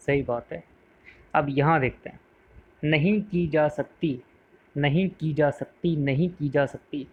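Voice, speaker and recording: A man teaching poetry in a patient lesson, repeating key words, asking the viewer questions and mixing in English terms. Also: fairly high pitch. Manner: mixes English words into explanations. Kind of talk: explanatory lesson. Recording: narrow phone-like sound.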